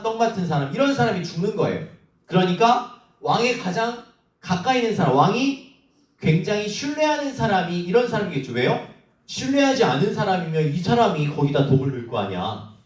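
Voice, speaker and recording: A man's voice: high voice, big pitch swings, normal speed, far from the mic. A man giving a children's sermon in church, asking the kids questions and acting out the quoted lines. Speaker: children's ministry preacher. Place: church hall. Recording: roomy echo, from the mic.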